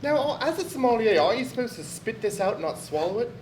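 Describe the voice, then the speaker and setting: A man's voice: very high voice, very animated, fast talker, very noisy. A man co-hosting a live comedy show, asking the guest questions in a mock-earnest way and slipping in dry jabs. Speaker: co-host. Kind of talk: live comedy podcast banter. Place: small live venue on stage. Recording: echoey live room with crowd.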